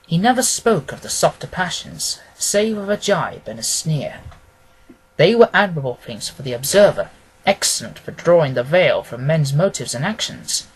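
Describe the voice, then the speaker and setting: This low-quality recording features a man reading a classic detective audiobook. His voice is a little high and husky, and his delivery is measured, formal, and expressive.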